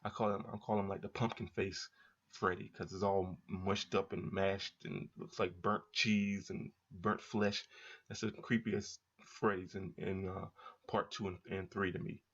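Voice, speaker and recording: A man chatting casually as a reaction video host, rambling and halting with repeated words. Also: sits low, little pitch movement, a bit bright, breathy edge. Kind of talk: casual chat, trailer reaction commentary. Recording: dull lo-fi sound.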